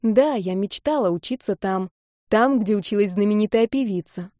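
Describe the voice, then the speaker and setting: A woman's voice: mid-range voice, normal speed, no room sound, studio quality, natural voice. A woman voicing a famous woman singer who speaks kindly and encouragingly in an audiobook. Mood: gracious. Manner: warm, encouraging.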